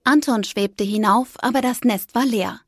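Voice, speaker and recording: A woman narrating a children's story in a calm, even storytelling manner. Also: fairly high pitch, normal speed, slightly rough, dry recording, clean studio sound.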